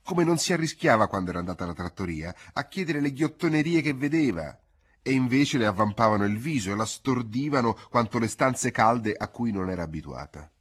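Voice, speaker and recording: A man narrating a literary audiobook in a measured, expressive storytelling manner. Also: mid-range voice, husky.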